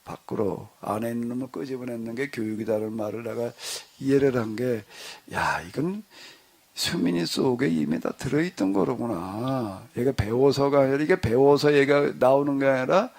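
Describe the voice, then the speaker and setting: A middle-aged male pastor telling a story to his congregation in a relaxed, conversational way, acting out the dialogue as he goes. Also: medium pitch, moderate pace, vocal fry. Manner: conversational, animated retelling with quoted dialogue. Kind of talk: storytelling in a church discussion.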